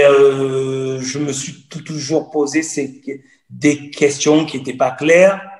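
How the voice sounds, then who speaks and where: A man in his forties from Cameroon, telling his personal story as a guest in an earnest, repetitive way. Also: fairly high pitch. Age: 40s. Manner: earnest, storytelling, repeats phrases. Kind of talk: personal testimony in conversation. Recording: roomy echo.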